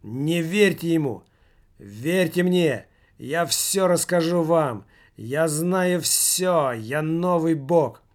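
A man voicing a frantic male office worker who shouts wild claims at a séance. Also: on the high side, expressive, slow pace, pitched above the performer's own voice. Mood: frenzied.

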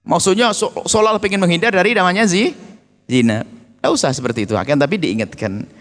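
Lively male preacher with a high voice, speaking before a hall audience, reverberant. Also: fast talker. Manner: lively, acts out quoted speech in raised voice. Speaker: preacher answering questions. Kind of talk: sermon with question and answer.

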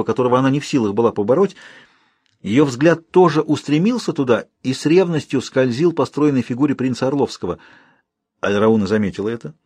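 A man narrating an audiobook in a measured, expressive reading style. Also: medium pitch, slightly rough, no room sound. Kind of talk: scripted literary narration.

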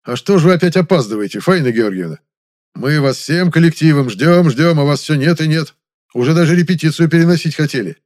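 A man voicing a loud, fawning middle-aged theatre director in an audiobook. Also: medium pitch, lively intonation, brisk, dry recording, studio quality, voice pushed up, lightly acted. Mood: gushing. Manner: loud, gushing, ingratiating.

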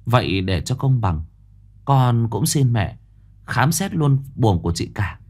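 A man's voice: medium pitch, background noise. A man voicing a composed young daughter-in-law who answers politely and evenly. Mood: calm. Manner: calm, polite, measured.

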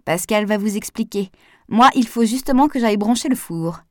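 A woman reading aloud, voicing a lively young woman with a playful, teasing manner. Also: mid-range voice, moderate pace, dry recording, studio quality, voice pushed up, lightly acted.

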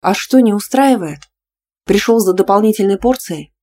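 A woman voicing a jealous, hot-tempered young student who snaps back in sharp retorts. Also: mid-range voice, brisk, lightly acted. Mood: snapping.

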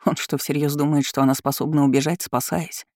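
An audiobook narrator reads a fantasy story in an even, measured way. The voice is mellow and relaxed, and the recording is dry and close. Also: medium pitch, dry recording.

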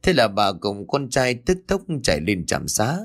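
A man's voice: on the low side, wildly swooping pitch, a little slow. A man narrating a ghost story expressively.

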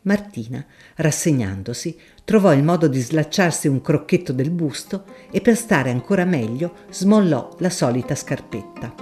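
A woman narrating a literary audiobook in a measured, expressive storytelling manner. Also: low-pitched.

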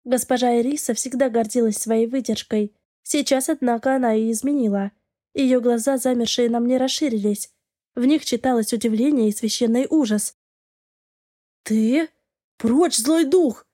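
A woman narrating a novel in the first person, in a measured storytelling way. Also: on the high side, steady tone, mellow. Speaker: audiobook reader.

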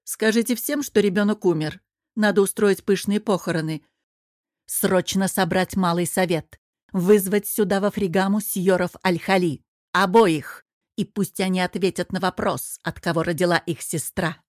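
A stern queen who rules her household with icy command, as a woman reads her in an audiobook. Her voice sits fairly low and sounds close and dry, and her words come out clipped and scornful. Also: fairly even intonation, moderate pace, a little mellow, dry recording, close to an everyday voice. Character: stern, vengeful middle-aged queen. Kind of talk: audiobook character reading.

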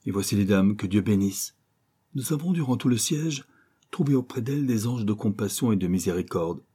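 A man voicing an excitable, chatty man who makes an effusive toast. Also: fairly low pitch, moderate pace, husky.

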